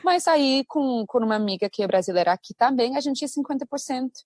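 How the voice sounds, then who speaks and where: Brief: woman, English speaker, podcast guest, bright higher voice, dry close sound, animated talker. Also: fairly quick, no echo. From United States. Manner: animated, thinks aloud with many asides. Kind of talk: casual podcast conversation.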